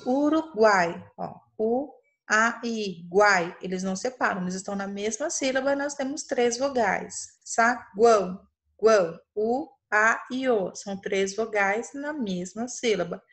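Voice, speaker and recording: A woman's voice: mid-range voice, fairly bright tone. A young adult woman with a Brazilian accent, teaching a recorded primary school grammar review and explaining patiently, step by step. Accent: Brazilian Portuguese. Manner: patient, explains slowly, checks in with "tá?" often. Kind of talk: recorded online lesson for children.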